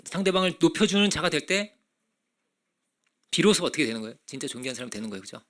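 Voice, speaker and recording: A man's voice: fairly high pitch, fast talker. A male pastor preaching a sermon in a conversational way, asking many rhetorical questions. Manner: acts out children's voices in animated bursts.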